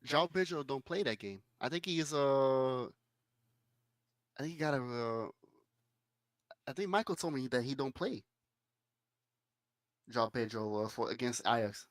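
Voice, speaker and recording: A man's voice: mid-range voice, animated, normal speed, long pauses, no echo, studio quality. A young man co-hosting a casual football chat, blunt and emphatic, often laughing.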